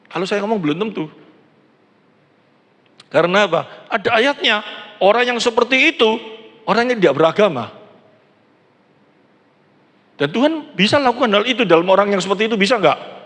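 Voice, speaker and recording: In a large, echoing church hall, a sixty-something pastor with an East Javanese accent gives a chatty sermon, asking the congregation questions. He speaks fairly quickly in a high, expressive, slightly bright voice, pausing often.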